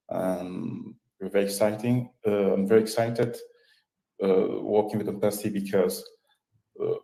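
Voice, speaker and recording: A man from Cameroon introducing himself as a software engineering team lead on a video call, measured and a little hesitant. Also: fairly low pitch, creaky, reverberant, rough recording. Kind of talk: brief self-introduction.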